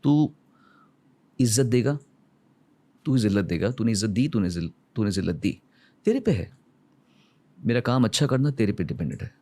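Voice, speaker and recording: A man's voice: fairly low pitch, animated, moderate pace, pauses often, mellow. A man in his fifties from India, a singer and podcast guest, who tells heartfelt stories earnestly and slips into quoted prayers and dialogue. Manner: heartfelt, retells emotional moments with intensity. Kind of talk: reflective podcast storytelling.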